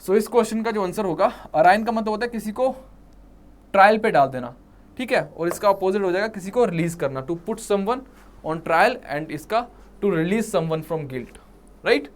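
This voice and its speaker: A man with a Punjabi accent teaching English vocabulary for an exam, mixing Hindi and English and often checking in with his students. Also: sits high. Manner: mixes Hindi and English, checks in with "ठीक है?" and "right?"; repeats words slowly for emphasis. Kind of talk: exam-prep vocabulary lecture.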